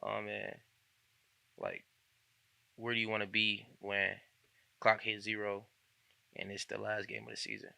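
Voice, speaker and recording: Young man, host, relaxed slangy chat, low gravelly voice. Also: a little slow, long pauses, no echo. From Indianapolis. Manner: laid-back, slangy, filler-heavy. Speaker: podcast host. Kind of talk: casual interview chat.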